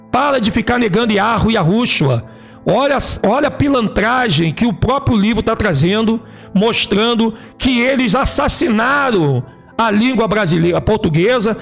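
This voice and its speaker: A Brazilian man with a high voice delivers a preachy religious commentary. His tone is gravelly and emphatic, and he leans on rhetorical questions. Faint music plays softly behind him. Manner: emphatic, with rhetorical questions and slow passages read from a book. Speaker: video host.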